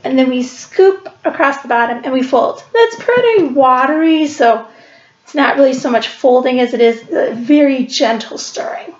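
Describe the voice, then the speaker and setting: A woman, chatting through each step of a home cooking demonstration in her kitchen, recorded on a webcam across the counter. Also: high voice. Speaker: library cooking show host. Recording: echoey kitchen, dull lo-fi webcam sound.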